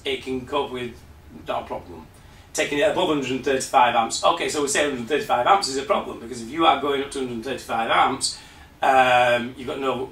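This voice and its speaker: A man walks through a technical demonstration. His voice is slightly worn and bright-edged, and he fills his pauses with "um" as he goes. He sounds a few steps from the mic in a roomy space. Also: medium pitch, a little hiss or hum. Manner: hesitant, many fillers and restarts, explaining patiently. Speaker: presenter of a parts store video. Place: shop or workshop room. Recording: roomy sound from a distant camera.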